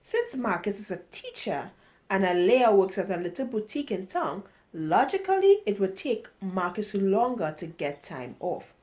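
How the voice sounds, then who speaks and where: A woman reading the first chapter of her own novel aloud, expressive and storytelling, with chatty asides. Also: mid-range voice, moderate pace.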